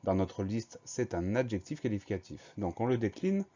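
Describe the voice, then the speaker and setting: A man teaches a spelling lesson for young pupils in a low, warm voice. He works methodically, breaking each word into syllables and spelling it out letter by letter. The recording is a little dull and lo-fi. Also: expressive, moderate pace.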